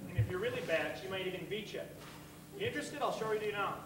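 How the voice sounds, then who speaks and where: A man playing a deadpan blues musician brother in a stage play, coaxing with matter-of-fact patter. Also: sits high, quick pace, close to an everyday voice. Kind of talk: amateur stage play acting. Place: theatre stage, camera far off. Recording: distant echoey hall, clear noise.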